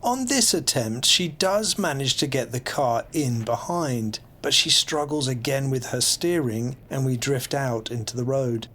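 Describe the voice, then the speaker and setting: A man's voice: medium pitch, a little slow, hardly any pauses, a bit bright. A man narrating a mock driving test as an instructor, in an explanatory, evaluative voice-over. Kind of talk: scripted voice-over commentary. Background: music under the voice.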